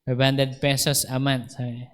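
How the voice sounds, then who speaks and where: A man's voice: mid-range voice, level tone, moderate pace. A male pastor with a Filipino accent, preaching a storytelling sermon at a church service, laughing often and acting out dialogue. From Philippines.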